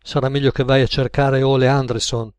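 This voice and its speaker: A man voicing a calm young male counterman in an audiobook, steady and matter-of-fact. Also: medium pitch, fairly quick, clear, resonant tone, no room sound, natural voice.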